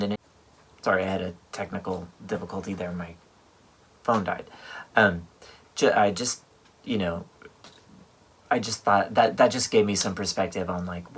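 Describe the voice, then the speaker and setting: A composer telling a personal story in a rambling, halting way, full of fillers. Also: male voice, on the low side, a bit bright, a little hiss or hum. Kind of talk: casual storytelling monologue. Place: home livestream at a piano.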